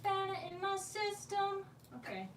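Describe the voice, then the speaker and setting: Speaking a little slowly in an extremely high voice with big pitch swings, a woman hosts a casual livestream from home. She rambles informally and self-deprecatingly, swearing freely. The room is noisy because a window is open.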